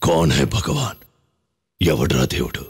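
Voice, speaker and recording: A man's voice: extremely low pitch, sing-song, normal speed, breathy edge, heavily acted. A man in a dubbed film playing a holy man who solemnly chants verses.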